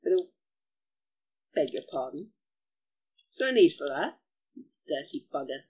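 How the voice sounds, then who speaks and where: A man giving chatty gameplay commentary as host of a gaming channel, excitable and given to mild cursing. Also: on the high side, takes it slowly, breathy edge, muffled recording.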